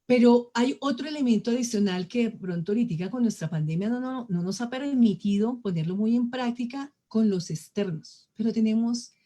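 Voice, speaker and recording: Expressive woman giving a lecture. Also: on the high side, moderate pace, few pauses. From Colombia. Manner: expressive, demonstrates tones of voice, addresses audience directly. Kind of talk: public lecture.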